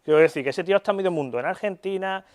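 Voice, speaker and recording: A man's voice: high-pitched, very fast. A young Spanish man giving a university lecture in a casual, chatty way, often checking in with his listeners and swearing in jest. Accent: Spanish (Spain). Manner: casual, chatty, frequent "¿vale?" check-ins. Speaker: neuropsychology lecturer.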